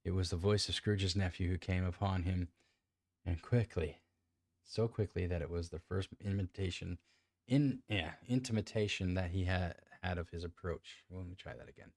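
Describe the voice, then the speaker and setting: A man with a very low, deep voice reads a classic novel aloud in a dry, close sound. He trips over words now and then, restarts lines and talks to himself about how he read them. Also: fairly even intonation, moderate pace, a little mellow, no echo. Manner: stumbles, restarts lines and comments on his own reading. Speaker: amateur reader.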